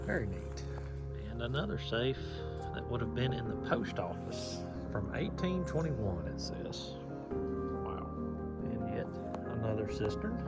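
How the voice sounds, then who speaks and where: A man's voice: mid-range voice, big pitch swings, measured pace. A man with a Southern US accent, narrating his road trip in a folksy, easygoing way. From Southern United States. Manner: folksy and easygoing, says y'all. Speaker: travel vlogger. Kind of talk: casual travel narration. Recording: dull lo-fi sound with loud music.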